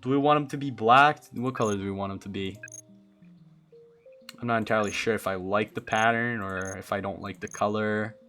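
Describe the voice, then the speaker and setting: A young streamer from Brazil, whose first language is Portuguese, builds a game creature live and answers his viewers casually, thinking aloud and often tripping over words before starting again. His lowish, fairly bright voice is a little fast with fairly even intonation, and soft music plays underneath.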